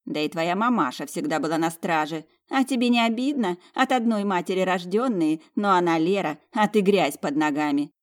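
A woman's voice: fairly low pitch, normal speed, few pauses, lightly acted. A woman voicing a spiteful, sneering young noblewoman in an audiobook, taunting her sister.

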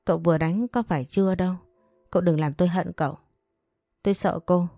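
A woman reading a proud young wife who refuses to bow to her husband and answers him coldly. The low, mellow voice is recorded close and dry. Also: fairly even intonation, a little fast, dry recording, faint music behind, natural voice. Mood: defiant. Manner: cold, defiant.

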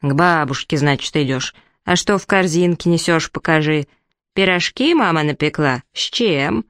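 A woman's voice: low voice, animated, moderate pace, a bit bright, no echo, clean studio sound. A woman voicing a grumpy, impatient male forest creature with fur, who grumbles and mutters. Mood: grumbling. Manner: grumbling, muttering, put-upon.

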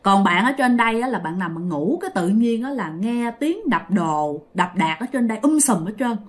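A woman with a Southern Vietnamese accent narrates a ghost story in relaxed, conversational fashion. She talks straight to her listeners in a slightly high voice. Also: moderate pace. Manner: chatty, addresses listeners directly.

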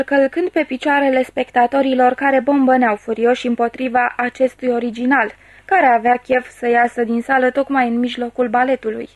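A woman narrating a classic novel as an audiobook, in a steady, measured reading. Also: fairly high pitch, no echo.

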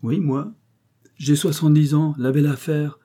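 A man voicing a sly, cheerful seventy-year-old miller who talks in a lively, mocking way. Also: medium pitch, normal speed, close to an everyday voice.

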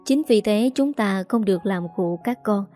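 A woman's voice: medium pitch, normal speed, dark tone, faint music behind, lightly acted. A woman reading the lines of a grave, generous young husband in an audio story. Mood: earnest.

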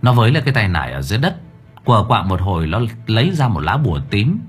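A male narrator telling a supernatural tale with dramatic, expressive delivery. His voice is husky and breathy, and it moves lively up and down in pitch. Soft music plays faintly behind him. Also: quick pace. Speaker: audiobook narrator. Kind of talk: storytelling narration.

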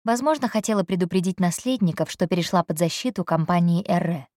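A woman's voice: fairly low pitch, quick pace, darkish tone, no room sound. Woman reading a novel aloud, dry close sound. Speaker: audiobook narrator. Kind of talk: scripted narration.

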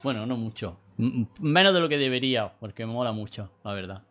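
A man co-hosts a stream and chats casually with his guest, mostly nodding along with short remarks and the odd longer comment. His voice sits at a plain middle pitch, and he speaks in an easygoing, conversational way. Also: animated, a little fast, a bit bright. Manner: short agreeing interjections. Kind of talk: casual chat.

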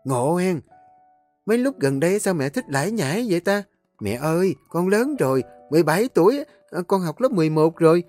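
A cocky teenage girl who talks back in a high, bouncing voice, as a male narrator puts her on. The holds, and the recording is dry with faint music. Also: sing-song, fairly quick, a little mellow. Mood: defiant. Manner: sassy, defiant.

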